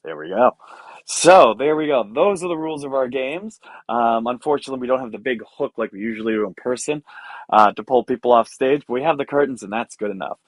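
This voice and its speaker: A man's voice: mid-range voice, animated, a little fast, no room sound. A man hosting a live online conference, introducing speakers in an enthusiastic way. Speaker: event host introducing speakers. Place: remote online event.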